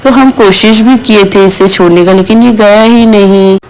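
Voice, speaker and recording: A woman's voice: mid-range voice, steady tone, normal speed, darkish tone, low-quality recording. A woman vlogger and mother narrating a family vlog voice-over, talking straight to her viewers in an emotional, fond way. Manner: keeps addressing viewers directly, emotional and fond.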